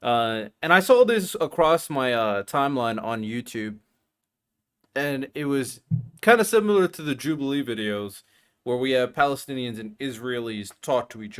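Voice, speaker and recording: A man's voice: mid-range voice, fairly bright tone. A man reacting to a video on his stream, talking in a chatty, offhand way and often tagging his points with "right?". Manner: chatty, tags lines with "right?". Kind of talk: casual reaction commentary.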